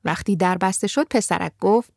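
A woman reading a storybook aloud in a calm, even way, her voice carrying a gravelly edge. The sound is close and dry, with no room around it. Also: mid-range voice, dry recording. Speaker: narrator.

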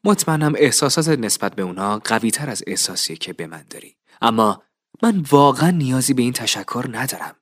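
A man voicing an earnest, calm young nobleman pleading his case with determination. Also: medium pitch, lightly acted.

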